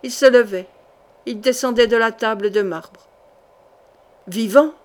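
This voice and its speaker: A woman narrating an audiobook of an adventure novel, in a measured, expressive literary reading. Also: fairly high pitch. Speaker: audiobook reader.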